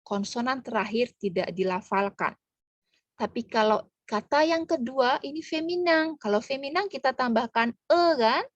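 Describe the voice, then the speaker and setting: A woman's voice: a little high, animated, moderate pace, no room sound, lo-fi sound. A woman teaching French pronunciation in an online lesson, patiently breaking words into syllables.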